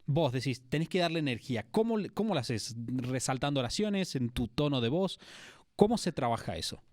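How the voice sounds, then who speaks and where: A man's voice: mid-range voice, big pitch swings, moderate pace, darkish tone, no room sound, studio quality. A man from Argentina with an Argentine Spanish accent, a podcast host asking long, curious questions. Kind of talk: conversational interview.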